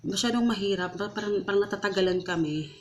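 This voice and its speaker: A woman's voice: medium pitch, fast, a little hiss or hum. A woman vlogger with a Visayan accent telling a personal story in a casual, earnest way, full of fillers and restarts. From Visayas, Philippines.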